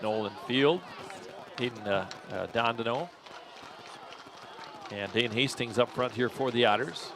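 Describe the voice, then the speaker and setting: A man doing play-by-play commentary for a local radio football broadcast. He calls the action steadily, gets louder and higher when a play breaks open, and corrects himself out loud as he goes. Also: a little slow, pauses often, a faint crowd, a little hiss or hum. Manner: steady play calling that jumps up in pitch and volume on big plays; thinks aloud and corrects himself on the spot. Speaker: play-by-play announcer.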